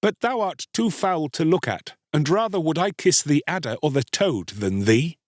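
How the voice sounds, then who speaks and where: A male narrator plays a proud young boy from a fairy tale. His pitch sits high and moves widely, and his words are archaic and formal. The recording is close and dry. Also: lively intonation, normal speed, no echo, natural voice. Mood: haughty, scornful. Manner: archaic, formal storybook speech. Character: proud, scornful young boy, cruel then remorseful.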